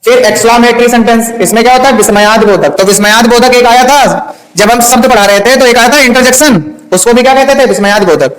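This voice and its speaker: A man's voice: very high-pitched, fast. A male teacher giving a classroom grammar lesson, often stopping to check that his students have understood. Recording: echoey room.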